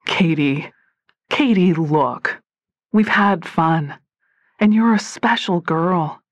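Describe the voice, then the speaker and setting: Casting: woman reading a smooth cheating man, lower pitch, unhurried and dismissive, storybook. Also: dry recording. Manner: slow, flat and dismissive. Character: smooth evasive middle-aged married man.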